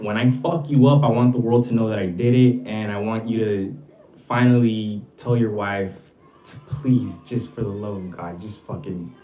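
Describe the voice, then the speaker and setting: A man's voice: mellow, low-quality recording. Profane ranting man. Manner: heated, profane, repeats himself and mocks others in a low voice. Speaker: podcast host.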